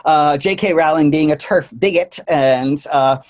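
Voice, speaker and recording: A man giving an earnest conference talk about his slides, often pausing on "uh" and "you know" and briefly slipping into high mocking voices for quotes. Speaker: conference presenter.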